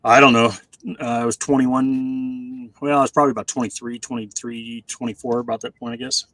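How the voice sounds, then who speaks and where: A man's voice: medium pitch, level tone, brisk, a bit bright, dry recording, low-quality recording. A man in his forties chatting casually on a video call, rambling with many fillers and restarts. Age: 40s.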